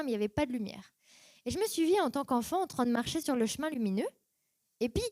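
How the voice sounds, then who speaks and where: A woman's voice: high voice, a little mellow, no room sound. A young woman giving a personal church testimony, telling her story casually and acting out her past reactions in quoted voices.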